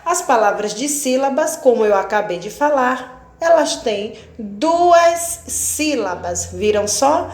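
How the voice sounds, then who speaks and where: A woman with a Brazilian accent teaching a second-grade class, slowly breaking words into syllables. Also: on the high side, reverberant. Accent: Brazilian Portuguese. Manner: slow, deliberate, spells words out syllable by syllable. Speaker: primary school teacher. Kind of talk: recorded online lesson.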